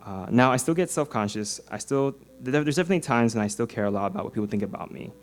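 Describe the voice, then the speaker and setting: With a mid-range voice, lively intonation, and a fast pace, a young Singaporean man in his twenties gives his baptism testimony at a church service. The talk is prepared and personal, earnest but full of ums and uhs.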